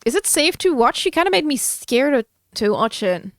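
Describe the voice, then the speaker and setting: A woman's voice: high voice, very animated, no echo, studio quality. A woman streamer chatting casually and giggling while she draws on stream. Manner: slow, musing, giggly.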